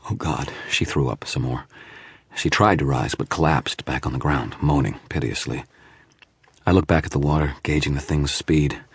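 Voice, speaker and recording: A man with an extremely deep, husky voice reads an audiobook in the first person. His delivery is steady and measured, and the sound is close and dry with no room around it. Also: no echo. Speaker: audiobook narrator.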